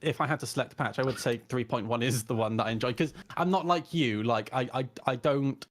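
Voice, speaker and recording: A man's voice: mid-range voice, fast. A man who is a guest on a casual gaming podcast, talking in a plain, earnest way.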